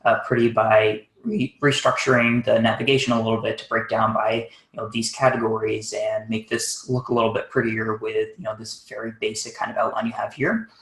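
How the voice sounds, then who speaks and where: A man giving a live SEO site audit on a webinar, talking quickly and casually while thinking aloud, with plenty of fillers. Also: fairly low pitch, flat delivery, fairly bright tone, echoey room, rough recording. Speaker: SEO consultant.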